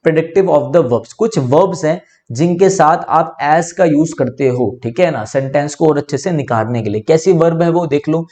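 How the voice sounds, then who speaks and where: A man's voice: fairly high pitch, normal speed, hardly any pauses, a little mellow. A young man with an Indian accent teaching an online English grammar lesson, explaining step by step and asking and answering his own questions. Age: young adult.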